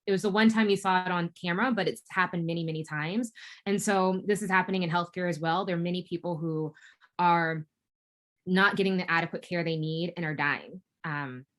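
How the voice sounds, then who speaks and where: A woman's voice: lowish voice, a little fast, fairly bright tone. A woman giving a webinar talk as guest speaker, casual with many fillers and restarts. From United States. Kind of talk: webinar presentation.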